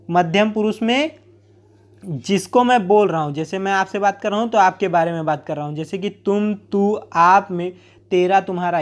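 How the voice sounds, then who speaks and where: Man teaching a grammar lesson. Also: high voice. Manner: explains plainly with everyday examples, repeating points.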